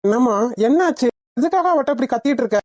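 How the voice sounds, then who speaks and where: A woman's voice: high-pitched, lively intonation, quick pace, darkish tone, dry recording, clean studio sound. A woman voicing a stern middle-aged father in a homemade cartoon, speaking firmly. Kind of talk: cartoon dialogue.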